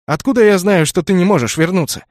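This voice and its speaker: A man's voice: on the high side, big pitch swings, a little fast, no echo, pitched above the performer's own voice. Brief: man playing a weary young mage, raised and exasperated, dry close sound. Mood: irritated. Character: young male wandering mage, weary, testy.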